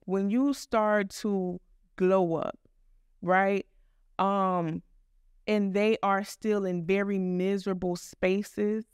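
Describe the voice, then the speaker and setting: A woman's voice: medium pitch, smooth, dry recording, studio quality. A woman podcast host telling a story in casual, blunt, profane talk. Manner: blunt, profane, animated retelling.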